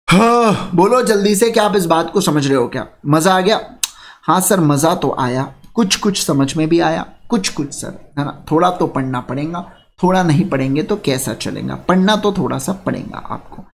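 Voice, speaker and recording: Lively tutor man drilling students. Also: on the high side, vocal fry. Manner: lively, repeats phrases, urges students to answer quickly. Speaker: online exam tutor. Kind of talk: energetic Hindi lecture with call-and-response.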